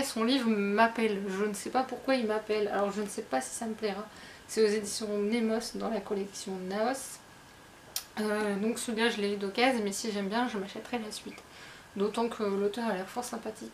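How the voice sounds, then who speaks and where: A woman's voice: medium pitch, steady tone, a little fast, slight background noise. A woman talking casually about her books to her viewers, chatty and self-mocking with lots of fillers and restarts. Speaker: book vlogger. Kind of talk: casual chat.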